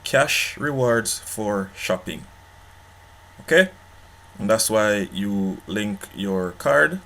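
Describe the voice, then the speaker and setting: A man with a somewhat low voice hosts an informal review of a money-making app. He speaks casually, circles back to the same points, and keeps asking the viewer "okay?" as he goes. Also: lively intonation, extremely slow, fairly bright tone. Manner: pitchy, repeats himself, asks "okay?" often. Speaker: online money-making channel host.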